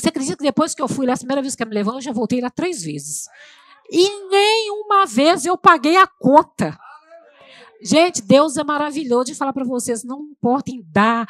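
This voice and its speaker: With a slightly high voice and no echo, a middle-aged woman speaking with a Brazilian Portuguese accent delivers a heartfelt testimonial sermon in church. She talks conversationally and often calls out to the congregation, addressing them as "gente".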